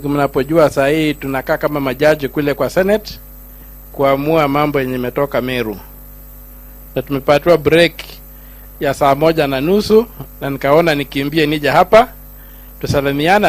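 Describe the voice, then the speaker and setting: Addressing a gathering, a middle-aged Kenyan-accented man speaking as a senator switches back and forth between Swahili and English, building to emphatic, climbing phrases. He talks fairly quickly in a slightly high voice.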